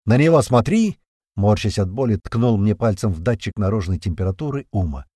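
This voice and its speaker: A man narrating a tense first-person audiobook, with swearing and lively storytelling. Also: on the low side, fairly quick, breathy edge, no echo, clean studio sound.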